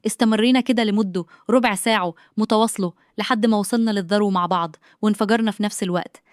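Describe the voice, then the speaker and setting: A woman's voice: medium pitch, fast talker, dry recording, clean studio sound. A woman with an Egyptian accent narrating a first-person audio story in a confessional way. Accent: Egyptian Arabic.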